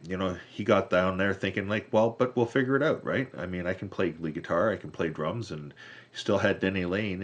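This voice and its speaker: Very deep-voiced rambling man. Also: slightly rough. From Canada. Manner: rambling, self-correcting, casual swearing. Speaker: musician. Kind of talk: casual vlog monologue.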